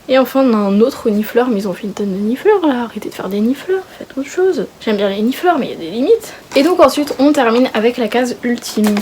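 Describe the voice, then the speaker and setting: A woman's voice: a little high, a little mellow, slight background noise. A nineteen-year-old woman in a chatty unboxing vlog, gushing over each item with many fillers and restarts. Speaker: YouTuber.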